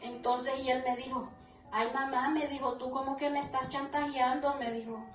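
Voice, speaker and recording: High-voiced woman testifying in an echoey room. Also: little pitch movement, moderate pace, a bit bright. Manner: retells dialogue, repeating "I told him" after each phrase; keeps addressing listeners as brothers. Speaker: church member giving testimony. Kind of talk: personal religious testimony. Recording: echoey room, voice far from the mic, faint music.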